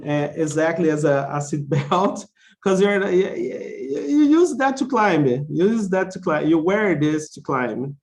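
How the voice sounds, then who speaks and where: A man teaching a class, explaining things simply, repeating key phrases and checking that learners follow. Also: on the high side. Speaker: English teacher of a conversation class. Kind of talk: instructional lesson, explaining simply with check questions.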